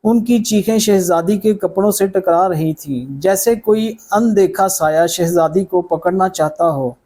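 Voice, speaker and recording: Slow, high-voiced male storyteller. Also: dark tone, low-quality recording. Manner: measured, dramatic storytelling. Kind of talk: scripted story narration. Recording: clear background music under voice. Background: background music.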